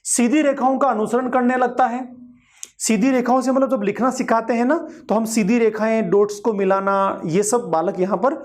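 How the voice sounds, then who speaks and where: A man's voice: very high-pitched, fairly even intonation, moderate pace. Man giving a Hindi exam-prep lecture. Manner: explanatory, repeats key points with examples. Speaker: teacher.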